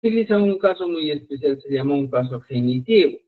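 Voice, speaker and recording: A man's voice: a little high, expressive, brisk. A man teaching a live online language lesson, explaining patiently and often checking whether his students follow. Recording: tinny phone-like audio.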